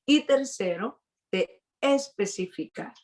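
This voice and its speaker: A woman preaching a sermon over a video call, earnest and slightly hoarse, pausing for emphasis. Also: high-pitched, expressive.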